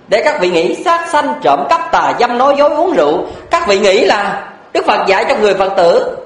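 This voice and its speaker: High, lively-voiced monk preaching. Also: male voice. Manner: earnest, blunt, emphatic with rhetorical questions. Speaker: Buddhist monk. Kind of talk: dharma talk. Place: lecture hall. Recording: echoey hall.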